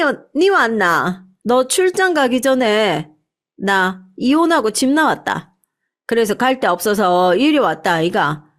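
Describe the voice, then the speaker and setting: A woman voicing a bossy older mother-in-law who speaks with a Gyeongsang accent and talks loudly and whinily. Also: fairly high pitch. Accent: Gyeongsang dialect. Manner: bossy, loud and whiny.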